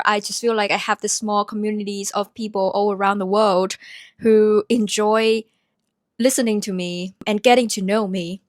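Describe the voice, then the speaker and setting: A woman's voice: medium pitch, no room sound, studio quality. A woman from Vietnam with a Vietnamese accent, talking through her recent reads in a casual, earnest and reflective book vlog. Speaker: book vlogger.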